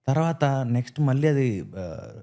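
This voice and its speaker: A man speaking as a podcast guest in a dark, mellow voice at a middle pitch. He tells stories with animation and slips into acted-out quotes as he goes. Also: a little slow. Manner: animated storyteller who acts out quoted lines. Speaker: guest actor. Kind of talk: casual podcast chat.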